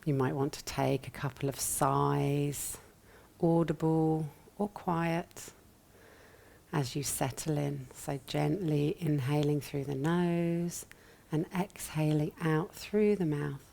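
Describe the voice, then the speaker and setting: Guiding a yoga nidra meditation, a woman speaks in a low, mellow voice, soft and gentle and at times breathy, with long pauses between short phrases. A slight creak in her steady tone settles into the unhurried teaching.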